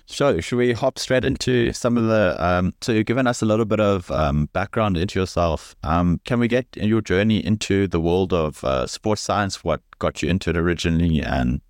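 A man's voice: low voice, normal speed, few pauses, dry recording, studio quality. A man hosting a podcast interview, asking curious questions with hesitant ums. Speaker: podcast host.

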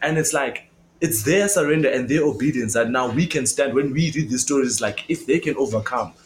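A man's voice: medium pitch, a little fast, slight background noise, poor audio. A young man co-hosting a casual faith podcast, talking earnestly and rambling with many fillers. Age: young adult. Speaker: podcast co-host.

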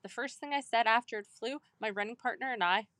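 A woman in her thirties chats on a podcast, spinning a loose story peppered with "like". Her voice has a bright, clear edge, and it sounds close and dry. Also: on the high side, fast talker, dry recording. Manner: rambling storyteller, heavy use of "like". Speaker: podcast co-host. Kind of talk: casual podcast chat.

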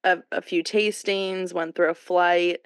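American woman with noticeable vocal fry. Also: lowish voice, steady tone, a little slow, dry recording. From San Francisco Bay Area, USA. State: hungover, worn voice. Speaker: podcast co-host. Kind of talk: casual chat.

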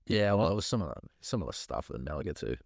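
A man's voice: extremely low pitch, very animated, fast, vocal fry, dry recording, clean studio sound. A man with a broad New Zealand accent in casual, matey, slangy conversation. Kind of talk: casual chat.

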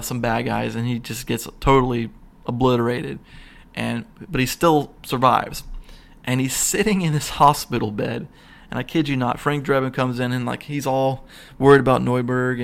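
A man's voice: medium pitch, creaky. A man hosting a podcast, chatting casually about comedy movies, rambling with lots of fillers and restarts, chuckling as he retells scenes. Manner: laughs while retelling scenes. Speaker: podcast host.

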